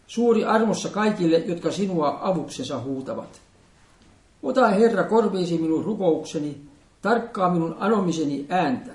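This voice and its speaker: A man with a fairly high voice delivers a sermon in a solemn, measured liturgical cadence. He stands back from the microphone, and his words ring through an echoey church. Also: darkish tone, recorded from a distance. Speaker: preacher. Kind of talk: sermon with scripture reading. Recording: echoey room, voice from off-mic.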